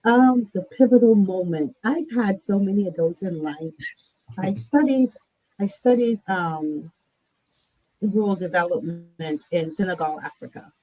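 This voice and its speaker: A woman's voice: medium pitch, a little slow, warm tone, no room sound, low-quality recording. A woman from Barbados, a guest speaking reflectively in an interview and often asking "right?". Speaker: guest, nonprofit CEO. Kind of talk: conversational interview.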